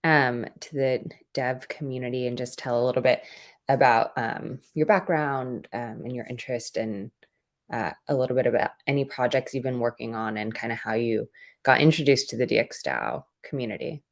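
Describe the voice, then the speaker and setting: Very low-voiced woman, hesitant. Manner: hesitant, many pauses. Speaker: meeting facilitator. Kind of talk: online meeting. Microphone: video call.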